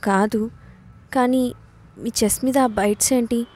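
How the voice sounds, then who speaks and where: A woman voicing a quick-tempered, childlike young bride in a storybook reading. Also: on the high side, steady tone, darkish tone. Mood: fiery, petulant.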